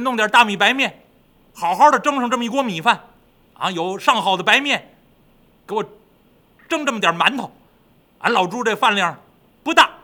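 Man doing a greedy pig monk from a told story, high and bright, rambling, coaxing, loud. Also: heavily acted. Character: greedy chatty male pig monk, big eater.

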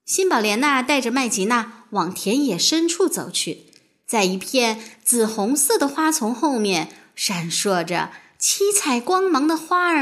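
Lively high-voiced woman reading a children's story.

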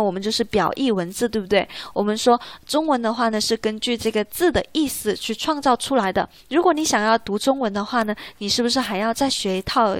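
Woman language teacher, slightly high voice, patient explainer, dry close sound. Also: no echo. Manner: patient, asks the listener rhetorical check questions. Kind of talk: classroom-style explanation.

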